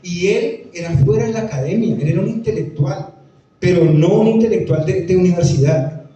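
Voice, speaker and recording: A man's voice: high voice, brisk, mellow, muffled recording. A man with a Tolima Colombian accent giving a conference talk, emphatic and repeating phrases as he answers audience questions. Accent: Tolima Colombian Spanish. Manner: emphatic, repeats phrases, acts out quoted voices. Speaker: lecturer on the Pijao language. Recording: echoey hall, voice from far off.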